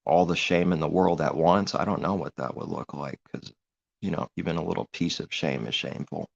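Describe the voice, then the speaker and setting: A man with a very deep, gravelly voice preaches informally in an earnest, rambling way. The recording is dull and muffled, with a low-fi edge. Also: fairly quick. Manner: earnest, rambling, grows heated. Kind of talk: informal religious monologue.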